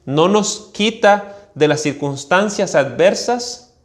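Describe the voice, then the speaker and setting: A Mexican man preaching a sermon, telling a childhood story in an animated way and acting out the voices of the people in it. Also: sits high, slow. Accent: Mexican Spanish. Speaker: pastor.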